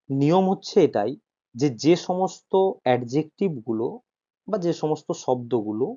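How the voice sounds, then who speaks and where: A man's voice: a little high, mellow, dull audio. A man teaching a grammar lesson, explaining patiently, repeating points and checking that students follow.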